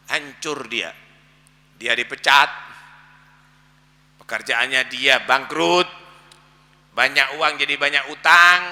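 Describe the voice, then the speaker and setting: A male preacher with a high, bright, cutting voice tells a sermon story with drama. He swings from loud outbursts to hushed asides. A long hall reverb follows every line.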